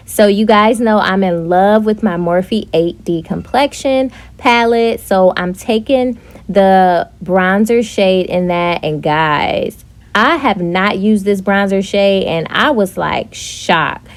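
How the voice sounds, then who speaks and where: A young woman narrating a casual makeup tutorial, chatty and relaxed, with frequent fillers. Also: mid-range voice, takes it slowly. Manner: chatty, with frequent ums and likes. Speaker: beauty vlogger.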